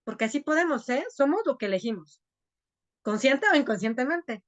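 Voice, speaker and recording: Fast-talking woman coach in her forties. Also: high-pitched, animated, dull audio. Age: 40s. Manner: earnest, talks fast, many "o sea" asides. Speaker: coach leading an online women's group. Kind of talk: live online class with personal testimony.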